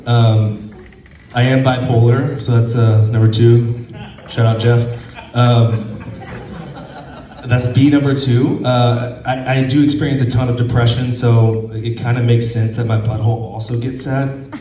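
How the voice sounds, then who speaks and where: A young man doing a stand-up set, hoarse as he loses his voice, halting and full of ums with a self-deprecating tone. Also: mid-range voice, level tone, mellow, slight background noise. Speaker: stand-up comedian. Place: comedy club stage. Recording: roomy, distant, dull lo-fi recording.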